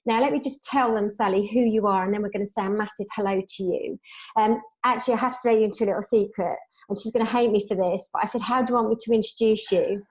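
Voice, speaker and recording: A podcast host who is also a business coach introduces and questions her guest in a casual interview chat, enthusiastic and effusive. Her medium-pitched voice is steady and darkish, and she talks fast.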